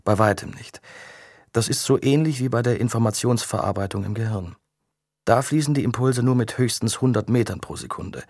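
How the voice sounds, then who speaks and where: A man reading a calm, patient young scientist. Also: mid-range voice, a little fast, dry recording, studio quality, close to an everyday voice. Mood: explaining. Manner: calm, explanatory.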